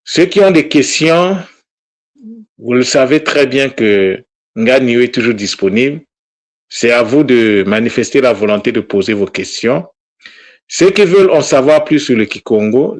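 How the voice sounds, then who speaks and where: A man teaching his followers in an informal monologue, earnest and exhortative, talking about himself in the third person and pausing often with fillers and repeated words. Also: medium pitch. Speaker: Kikongo language teacher.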